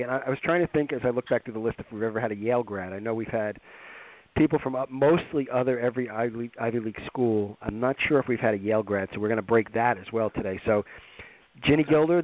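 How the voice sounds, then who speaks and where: A man's voice: mid-range voice, no echo. A man hosting a sports business podcast with a nasal voice from a head cold, talking in a rambling, conversational way with many fillers. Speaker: podcast host. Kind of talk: casual podcast chat. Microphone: remote call. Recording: tinny phone-line sound, dry.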